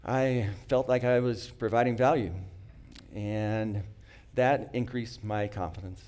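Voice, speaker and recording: A middle-aged man who isn't a native English speaker tells a prepared personal story, earnest and reflective, with small restarts and a lot of throat-clearing. His voice is lowish, slow and a little mellow, with fairly even intonation.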